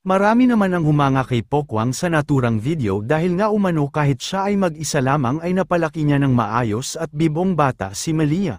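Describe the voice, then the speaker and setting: A man narrating a scripted entertainment news voice-over in a steady, upbeat read. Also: a little high, fairly quick, hardly any pauses, no echo, studio quality.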